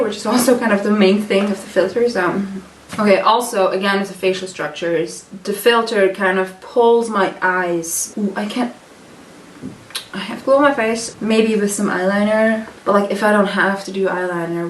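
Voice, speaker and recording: A woman's voice: medium pitch, steady tone, moderate pace. Exasperated woman ranting in echoey room. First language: German. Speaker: vlogger. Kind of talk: casual vlog rant while doing makeup. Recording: echoey room, mic at a distance.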